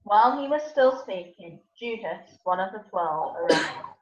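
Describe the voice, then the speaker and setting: A woman's voice: mid-range voice, expressive, unhurried, a crowd in the background. A woman giving a scripted narration of scripture as the narrator of a dramatised reading. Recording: echoey room, dull lo-fi sound.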